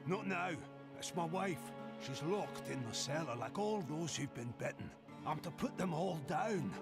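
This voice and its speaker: A gruff village blacksmith for a video game, his gravelly voice swinging widely in pitch. The line sits in a roomy space with clear game music behind. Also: lively intonation, unhurried. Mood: anguished.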